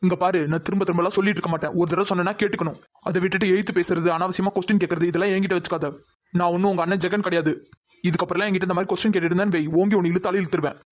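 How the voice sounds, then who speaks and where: Brief: a bossy, scolding young cartoon man, mid-pitched and rapid-fire, as a voice actor plays him. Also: steady tone, natural voice. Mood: stern. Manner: commanding, scolding. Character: stern young man, the household head. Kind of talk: cartoon dub acting.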